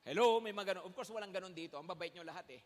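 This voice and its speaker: A pastor preaches emphatically in a large church hall, switching between Tagalog and English and calling out "Amen?" to the congregation. His voice is high and very fast, and the hall gives a long reverb.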